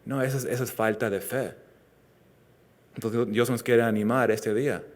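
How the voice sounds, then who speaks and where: A man preaching a sermon as pastor, earnest, rising loud for emphasis and dropping soft and slow on tender lines. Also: mid-range voice, fairly even intonation. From Southern California. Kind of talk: expository sermon.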